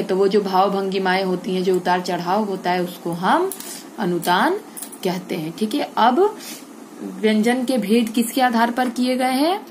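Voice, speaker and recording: A woman's voice: mid-range voice, slight background noise. A woman teaching a school grammar lesson online, explaining step by step and asking and answering her own questions.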